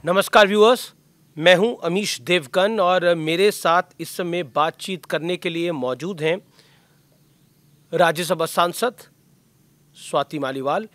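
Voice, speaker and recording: A man hosting a formal studio interview. His voice sits a little high for a man, and he asks pointed questions at a measured pace. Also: fairly bright tone. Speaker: host.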